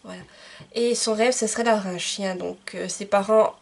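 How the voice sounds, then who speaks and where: A woman's voice: mid-range voice, fairly even intonation, normal speed, creaky. A woman book vlogger chatting casually to camera about book recommendations, with many fillers and restarts. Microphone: camcorder.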